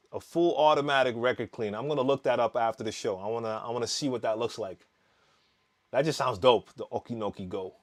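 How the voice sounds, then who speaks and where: A Dutch DJ, a native Dutch speaker from the Netherlands, hosts a live Q&A on a stream with a medium-pitched voice. He's relaxed and chatty, reading viewer comments aloud with lots of fillers and restarts.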